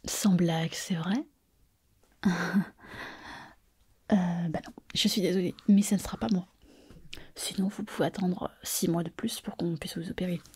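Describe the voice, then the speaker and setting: A woman's voice: on the low side, fairly even intonation, a little slow, long pauses, darkish tone, husky. A woman whispering in an ASMR roleplay, playing a chatty, self-satisfied pregnant surgeon close to the mic. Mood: confiding whisper. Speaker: ASMR performer.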